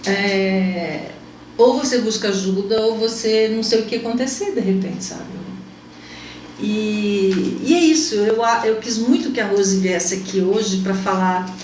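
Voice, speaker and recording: Woman host telling a story all worked up, repeats herself, faint hum behind. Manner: animated, repeats herself, pitch jumps when moved. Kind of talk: emotional personal storytelling in an interview. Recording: echoey room, mic at a distance, faint background hum.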